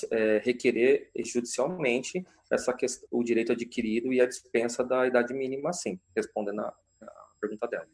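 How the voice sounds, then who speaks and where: A man working as a lawyer, answering questions on a live stream in an explanatory way, with many fillers and tag questions. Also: mid-range voice. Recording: roomy echo.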